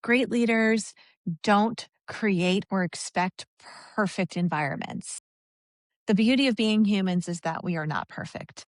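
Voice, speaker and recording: A woman's voice: medium pitch, a little slow, dry recording, clean studio sound. A woman co-hosting a podcast, chatting in an upbeat, encouraging way about workplace leadership. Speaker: podcast co-host. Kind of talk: casual podcast chat.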